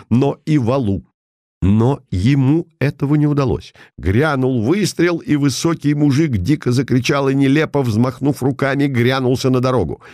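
A man reading a story aloud as narrator, in measured, scripted audiobook style. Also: medium pitch, mellow, dry recording, clean studio sound.

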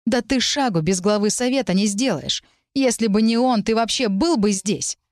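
Female reader doing a jealous, hot-headed young male mage, heated and sharp, dry close sound. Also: fairly high pitch, moderate pace, dry recording, pitched above the performer's own voice, close to an everyday voice. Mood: angry, sneering. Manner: snapping, heated, raised tone.

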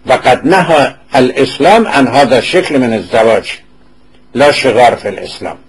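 A man's voice: medium pitch, expressive, breathy edge, rough recording. A man giving an informal lecture. He reads old passages aloud and then explains them in casual, conversational speech, repeating words to get the pronunciation right.

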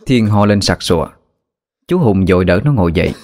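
A man narrating a spooky story in a steady, even manner. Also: deep voice, a little fast. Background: faint background music.

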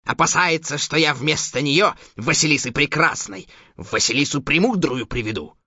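A woman's voice: deep voice, expressive, normal speed, sharp tone, husky, dry recording, voice pushed down, heavily acted. A woman voicing Koschei, a fussy, henpecked old male sorcerer in a fairy tale, who hems and fumbles for words. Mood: explaining. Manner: hesitant, hemming and fumbling. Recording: dull lo-fi recording.

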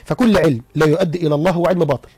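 Egyptian man, psychologist guest; quick-fire, animated explainer, gruff and breathy texture. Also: a little high, no echo. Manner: rapid, animated explaining with stories and rhetorical questions. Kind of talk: radio interview.

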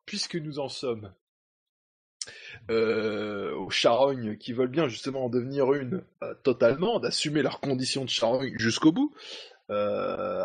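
A man's voice: mid-range voice, vocal fry, husky. Blunt, mocking talk-show host, a man. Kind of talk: casual chat, presenting.

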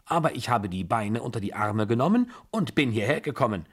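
A man's voice: mid-range voice, big pitch swings, fairly quick, breathy edge, pitched above the performer's own voice. A man voicing a blunt, imperious rich old aunt of seventy-five who talks in a brusque, mocking way. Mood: scolding.

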